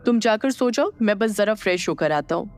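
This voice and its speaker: Cool, mysterious young man, quietly teasing, read by the narrator in an audio drama. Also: mid-range voice, animated, a little fast, faint music behind, lightly acted. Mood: calm.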